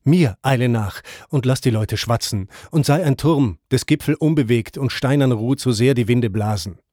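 A man's voice: medium pitch, normal speed, dry recording, clean studio sound, lightly acted. A man reading aloud, voicing a wise old poet who sternly urges his companion onward. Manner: admonishing, steady.

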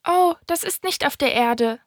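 A woman voicing the little prince, a gentle, wondering young boy, in an audiobook reading with earnest, questioning lines. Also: high-pitched, lively intonation, unhurried, no room sound, clean studio sound, pitched above the performer's own voice.

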